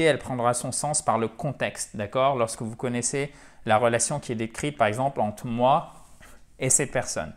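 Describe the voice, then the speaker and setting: A man teaching English to camera, lively, clapping and slowly repeating words to stress them. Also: medium pitch. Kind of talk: spoken language lesson to camera.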